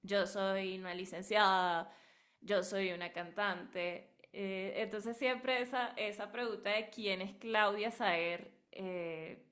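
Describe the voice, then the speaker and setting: A Venezuelan woman, a singer and vocal coach, answering interview questions thoughtfully with frequent pauses and fillers. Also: mid-range voice, fairly even intonation, fairly bright tone. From Barquisimeto, Venezuela.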